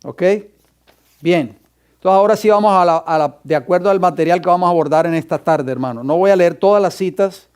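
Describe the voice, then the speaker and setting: Man, pastor, church class lecture, high pitch, clean smooth tone, quizzes students. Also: brisk, darkish tone. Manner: quizzes the class and dictates scripture references.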